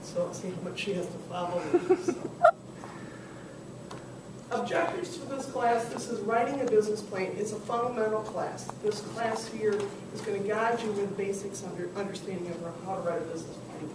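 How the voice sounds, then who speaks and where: Hoarse from losing her voice, a woman teaches a small business workshop, chatting and tossing questions to the class at normal speed in an ordinary pitch. A far-off camera picks her up in a very echoey classroom with clear background noise.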